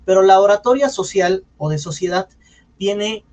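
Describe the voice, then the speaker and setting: A man with a Mexican accent teaches public speaking in an online session. His voice sits high for a man. He talks in a loose, conversational way, with apologetic asides and self-corrections. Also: expressive, moderate pace, a little mellow. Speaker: radio announcer giving a public speaking talk. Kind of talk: online lecture.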